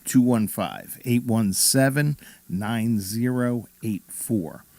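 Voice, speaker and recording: A man's voice: medium pitch, takes it slowly, darkish tone, no room sound. A man on a radio talk show as a mortgage guest, giving short agreeable replies. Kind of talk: casual talk radio chat.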